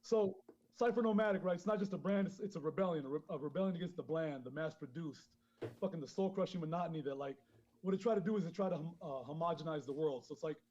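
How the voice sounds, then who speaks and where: A man who grew up in Queens, high and chatting casually as a podcast guest, rambling, swearing a lot and laughing often. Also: fast talker, darkish tone, slight background noise. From born in Honduras, grew up in Queens, New York. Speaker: guest caller, clothing brand founder. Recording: dull lo-fi phone call.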